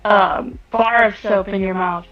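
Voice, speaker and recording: Slow-talking young woman on a dull mic. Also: medium pitch, fairly even intonation. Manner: slow, measured reading. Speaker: guest reading stories. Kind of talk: casual chat and reading aloud. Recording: dull lo-fi mic with music behind.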